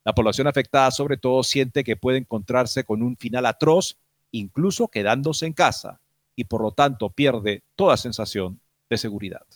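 A man hosting a news commentary show, reading in a formal, measured way. His voice sits in a middle register. The sound is dry and close, with no room echo. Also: medium pitch. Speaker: program host.

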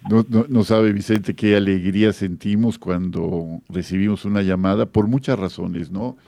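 A Mexican man hosts a live call-in radio show in a low, gravelly voice. His tone is mellow and pastoral, full of fillers. The studio sound is dry and close. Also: moderate pace, no room sound. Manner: warm pastoral tone, frequent fillers. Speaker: radio host.

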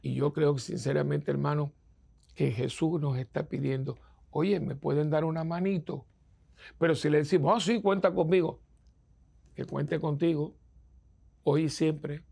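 A man preaching a sermon as a priest, gravelly and husky, emphatic, acting out the voices of people he quotes. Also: fairly high pitch, fairly even intonation, unhurried, pauses often, darkish tone.

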